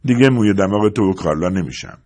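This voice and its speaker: A man reading an audiobook, voicing a gentle, polite older woman neighbor in a softly raised voice. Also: deep voice, expressive. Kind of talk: audiobook character voice.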